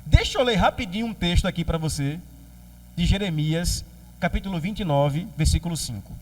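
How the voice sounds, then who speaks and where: A man with a Brazilian Portuguese accent preaching a sermon as pastor, lively and joking, acting out quoted voices. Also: sits high, a little fast, recorded from a distance.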